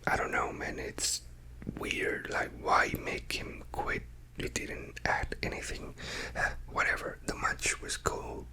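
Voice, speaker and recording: This is a hushed, quiet night-time whisper in a casual ASMR ramble. The delivery is slow, with a bright, sibilant edge to the breath. The speaker drifts loosely from thought to thought, often trailing off. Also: poor audio. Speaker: ASMR creator talking to followers.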